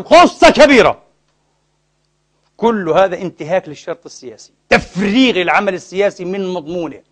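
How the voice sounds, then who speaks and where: A man preaching a sermon, impassioned and indignant, who asks rhetorical questions and lets the congregation finish his sentences. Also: sits high. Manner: impassioned, indignant, mixes formal and colloquial speech. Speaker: preacher and lecturer.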